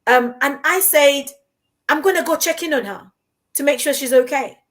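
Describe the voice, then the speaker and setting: A Ugandan woman hosts a conversational podcast in London, speaking earnestly and encouragingly and often repeating her words. Her voice sits high, is a bit bright, and moves at a normal speed.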